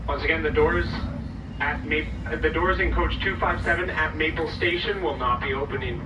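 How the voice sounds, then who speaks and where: Man, onboard PA announcer, polite and scripted, echoey and muffled speaker, rumbling train behind. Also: normal speed, distant mic. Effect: over a train's PA system. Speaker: customer service ambassador. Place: commuter train carriage. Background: loud rumbling train noise.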